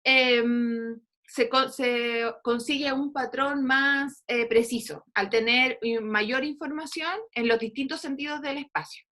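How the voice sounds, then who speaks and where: Over a video call, a female dentistry lecturer teaches an online class slowly, her high voice steady in tone yet pushed and bright. She uses many fillers while encouraging students to respond to her questions.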